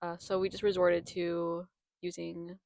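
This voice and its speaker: A woman's voice: fairly low pitch, flat delivery, a little slow, creaky, a little mellow, no echo, studio quality. A young woman hosting a podcast in casual chat, talking in a chatty, rambling way with restarts. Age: young adult. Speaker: podcast host. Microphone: podcast mic.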